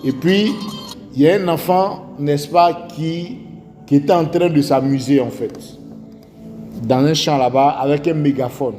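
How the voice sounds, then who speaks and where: A man's voice: a little high, steady tone, a little slow, darkish tone. A man with an Ivorian French accent preaching a sermon, telling stories and asking rhetorical questions. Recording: echoey hall with faint music.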